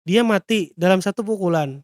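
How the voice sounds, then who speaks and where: Cast: a man as a shrewd, careful guild leader, high voice. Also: normal speed, dry recording, clean studio sound, close to an everyday voice. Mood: warning. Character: cautious male guild leader, clever.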